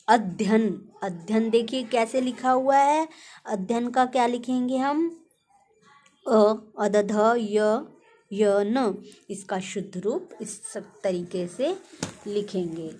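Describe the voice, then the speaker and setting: Young woman teacher, unhurried and deliberate, spells words out letter by letter, quizzes the class. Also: fairly high pitch, husky. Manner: slow, deliberate, sounding out letters one by one; asks the class questions.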